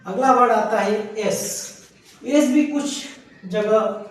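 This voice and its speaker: A man's voice: sits high, slow. A man teaching an English grammar lesson. He spells words out letter by letter, repeats them, and asks the class questions that he answers himself. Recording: very echoey room heard from a distance.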